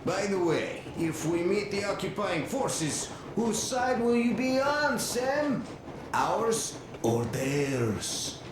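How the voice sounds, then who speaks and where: A man playing a teasing, warm-hearted young Russian soldier in a video game, with a Russian accent. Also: high voice, big pitch swings, slow, exaggerated voice. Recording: very echoey, noisy game audio.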